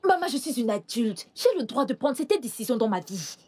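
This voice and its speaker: A woman's voice: fairly high pitch, big pitch swings, a little fast, a little mellow, slightly rough. A young woman dubbing a headstrong village woman who argues defiantly and clings to a lover, in a French film dub. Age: young adult. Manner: defiant, insistent. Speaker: dubbing actor.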